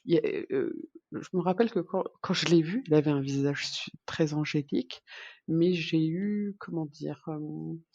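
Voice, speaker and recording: Podcast guest, woman from France, animated storyteller who acts out dialogue; dry, lo-fi sound. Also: sits low, moderate pace, no room sound. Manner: lively anecdote-telling, acts out quoted dialogue, laughs often. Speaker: podcast guest, expat mother. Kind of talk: casual storytelling interview. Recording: dull lo-fi recording.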